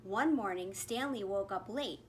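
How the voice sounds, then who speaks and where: A kindergarten principal reads a picture book aloud to young children with lots of expression. Her mid-range voice is unhurried, and there's faint noise in the background.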